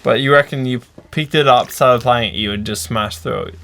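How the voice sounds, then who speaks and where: A man's voice: mid-range voice, moderate pace, vocal fry, a bit bright. A man with an Australian accent, co-hosting a casual gaming chat in a dry, teasing way. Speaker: podcast co-host.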